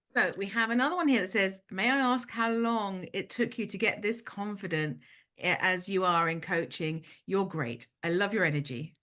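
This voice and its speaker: A woman's voice: medium pitch, moderate pace, sharp tone. A woman hosting an online workshop, reading audience questions and giving upbeat closing remarks. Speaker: workshop host.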